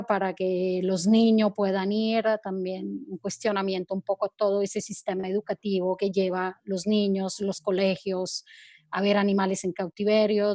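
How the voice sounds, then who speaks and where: A woman from Italy, a native Italian speaker, answering as the guest in an online talk, with many repeated words and pauses to check "¿sí?". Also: mid-range voice, a little mellow, dry recording, clean studio sound. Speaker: guest photographer.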